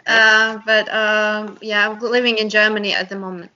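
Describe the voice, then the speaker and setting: A woman's voice: mid-range voice, little pitch movement, moderate pace, sharp tone, a little hiss or hum. A woman from Latvia chatting casually on a video call, with light, laughing asides. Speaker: participant in an online happy hour. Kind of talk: casual chat. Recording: dull lo-fi call audio.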